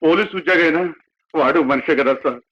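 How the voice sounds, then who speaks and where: A man's voice: on the high side, quick pace, a bit bright. An actor playing a humble, kind-hearted prison constable who talks earnestly and deferentially to his boss, in a film drama with a dull, lo-fi soundtrack. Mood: earnest, pleading.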